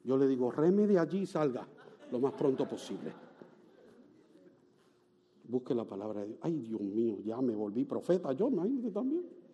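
A man preaching a sermon, emphatic and swinging up into shouts. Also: medium pitch, very animated, moderate pace, pauses often, husky, lo-fi sound.

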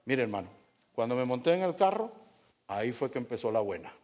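A man preaching as a pastor, telling a humorous story in an animated way, acting out the dialogue and talking straight to his congregation. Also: mid-range voice, a little fast. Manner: animated, acts out dialogue, talks directly to congregation.

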